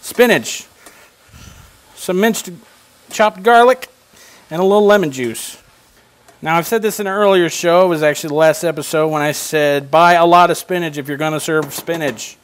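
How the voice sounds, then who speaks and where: A man's voice: on the high side, normal speed, clear, resonant tone. A man hosting a casual cooking show from a home kitchen, explaining each step with joking asides. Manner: chatty, joking asides while explaining steps.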